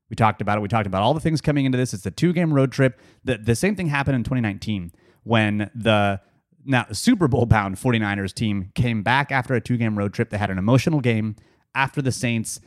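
A man's voice: medium pitch, no room sound, studio quality. Nasal, chatty male podcast host. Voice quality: nasal from cedar fever. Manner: chatty, joking, loose fillers and laughs. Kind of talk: casual sports podcast chat.

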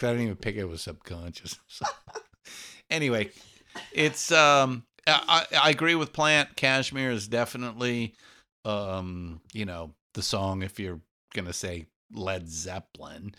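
A man's voice: on the low side, expressive, measured pace, pushed and bright. A man co-hosting a casual chat, rambling with many restarts and fillers.

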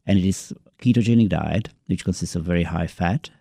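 Casting: male medical guest, deep mellow voice, hesitant and measured, interview setting. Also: gravelly, slightly rough, no room sound, clean studio sound. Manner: measured, halting, hesitant explanations. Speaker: guest, neurologist. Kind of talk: interview, explaining a medical topic. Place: radio studio.

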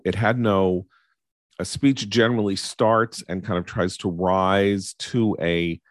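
A man's voice: sits low, no echo, studio quality. A middle-aged man hosting a political talk show, commenting analytically and in long digressions. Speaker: host.

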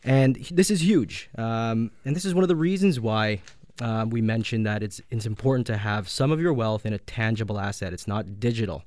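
A man's voice: fairly low pitch, a little fast, darkish tone, no room sound. A man co-hosting a finance radio show, earnestly reading out news reports and weighing in on them. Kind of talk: casual radio talk on finance.

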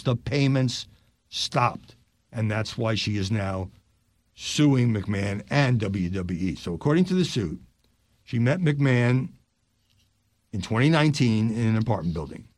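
An older man hosting a news podcast, reading stories aloud and dropping his voice low for quick asides. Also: no echo. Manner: animated delivery, drops low for asides.

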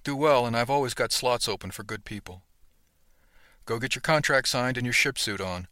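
Brief: man reading a gruff older woman captain, bright, dry read, barked orders. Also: mid-range voice, normal speed, no room sound, natural voice. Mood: stern. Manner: barking, clipped orders.

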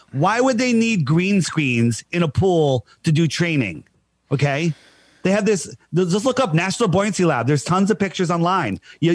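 A man's voice: high voice, dry recording. A man in a heated podcast debate, insistent and lecturing, piling up one claim after another. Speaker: debate guest.

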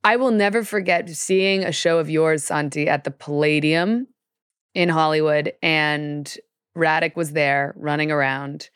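Deep-voiced woman guest, dry sound. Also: a little slow, smooth, no echo. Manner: passionate, animated anecdotes. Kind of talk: podcast conversation.

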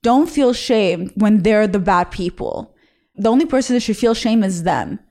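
A woman hosts a confession show, reacting bluntly with swearing but offering encouraging advice in casual reaction talk. Her voice is mid-range and darkish, with lively intonation and a moderate pace.

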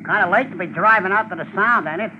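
An actor playing a nosy, folksy working-class cab driver in an old radio crime drama, with slangy, colloquial speech. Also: male voice, high-pitched, fast talker, close to an everyday voice. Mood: nosy, wary. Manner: slangy, colloquial, dropped grammar. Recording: noisy, dull old radio recording.

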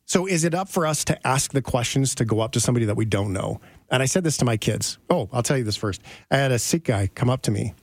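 A man's voice: medium pitch, animated, quick pace, few pauses, no room sound. Rambling storytelling man, dry close sound. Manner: rambling, anecdotal, laughs easily. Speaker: podcast host. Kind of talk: casual storytelling.

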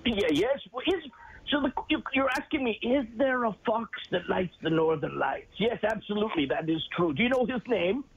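Casting: male performer as kindly old Father Christmas, exclamatory and swooping in pitch, chuckly radio call-in chat, slightly muffled line. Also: animated, moderate pace, breathy edge, exaggerated voice. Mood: jolly, kindly. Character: Santa Claus, jolly kindly old man taking children's calls. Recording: dull, noisy radio call-in sound.

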